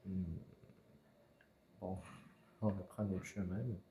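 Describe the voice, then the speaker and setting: A man's voice: deep voice, flat delivery, slow pace, mellow, a little hiss or hum. A man casually commenting while playing a survival video game, muttering to himself, chuckling and talking to the creatures on screen. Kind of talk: casual let's-play commentary.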